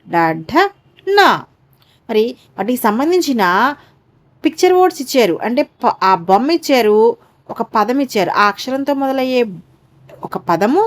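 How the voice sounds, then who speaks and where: A woman teaching a Hindi lesson to young pupils, saying each word twice and coaxing them to repeat after her. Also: on the high side. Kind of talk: slow Hindi lesson for children.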